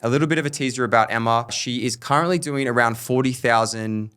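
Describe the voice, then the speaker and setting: A man's voice: mid-range voice, fast, a bit bright, clear, resonant tone. Upbeat young man hosting. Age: 20s. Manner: upbeat and chatty, with rambling asides. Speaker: host. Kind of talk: casual interview hosting.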